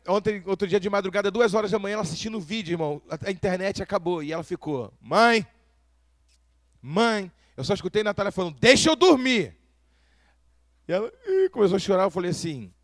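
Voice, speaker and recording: A man's voice: sits high, no echo. A man from Brazil preaching a sermon, often asking the congregation rhetorical questions. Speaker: pastor.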